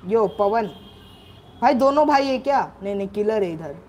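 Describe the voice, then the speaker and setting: Male gaming host, high voice, excitable live commentary, yells at teammates, faint background noise. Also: normal speed. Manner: excitable, shouts orders at teammates. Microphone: own microphone.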